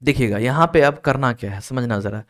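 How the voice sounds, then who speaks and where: A man teaching an online exam-prep reasoning class, explaining each step and keeping students moving with quick check-ins. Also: mid-range voice. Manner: explains step by step, keeps checking with "ठीक है?" and urging students to hurry. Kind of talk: recorded class lecture.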